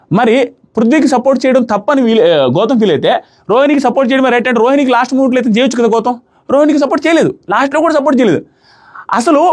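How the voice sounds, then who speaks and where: A young man giving rapid, argumentative commentary as a reality show reviewer, often asking rhetorical questions. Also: very high-pitched.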